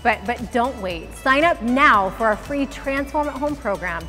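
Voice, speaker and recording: A woman in her thirties, a fitness coach co-hosting a promo, speaking in a bubbly, enthusiastic, emphatic way on a lapel mic in a bright studio. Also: on the high side, expressive, unhurried, big-room sound, faint music behind. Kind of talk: scripted promo pitch. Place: large bright indoor studio.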